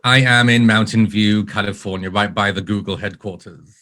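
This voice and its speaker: An Israeli man with a British-sounding accent appears as a guest on a podcast, a user researcher in a casual remote interview. His voice sits fairly low with a steady, sharp tone at normal speed, and he speaks earnestly, laying out his points in careful lists.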